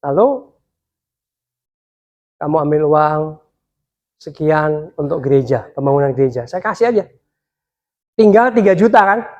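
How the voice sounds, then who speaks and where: A man preaching to young people, telling a personal story with lively swings between excited and hushed delivery. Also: on the high side, a little slow, pauses often, muffled recording. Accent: Indonesian.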